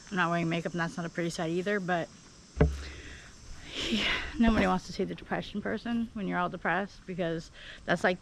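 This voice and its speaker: A woman's voice: on the low side, fairly bright tone, a little hiss or hum, poor audio. A woman from South Dakota giving a candid, rambling update on her vegetable garden outdoors. She is out of breath and uses many fillers. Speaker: gardening vlogger. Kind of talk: casual garden update chat.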